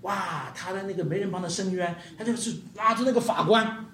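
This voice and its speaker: A man preaching a sermon to his congregation, animated and addressing them directly, acting out the people he describes. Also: sits high, fairly quick, a little hiss or hum. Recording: roomy hall echo.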